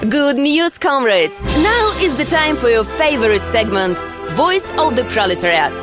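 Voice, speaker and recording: A man putting on a high, showy announcer voice to introduce a comedy segment over music. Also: very animated, moderate pace. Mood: rousing.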